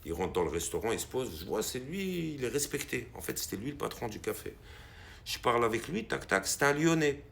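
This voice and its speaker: A man a gravelly, creaky voice flecked spins a long personal anecdote. He talks in a loose, conversational way and throws his voice high and loud whenever he imitates the people in the story. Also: brisk, slight background noise. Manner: animated, acts out quoted voices with big pitch jumps. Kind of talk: casual spoken anecdote.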